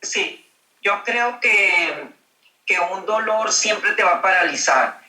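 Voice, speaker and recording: A woman taking part in a philosophy seminar over a video call, speaking in a deliberate way. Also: mid-range voice, lively intonation, pushed and bright. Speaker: seminar participant. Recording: echoey and distant from the mic.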